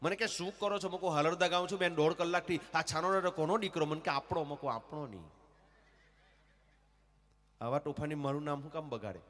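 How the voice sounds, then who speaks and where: A man's voice: a little high, a little fast, big-room sound. A man with a Surati Gujarati accent telling comic stories on stage, acting out dialogue and sometimes singing. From Surat region, Gujarat. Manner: animated storyteller, acts out dialogue, breaks into song. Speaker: stage comedian and folk performer. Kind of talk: live comic storytelling with sung lullabies. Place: stage at a temple festival, live audience.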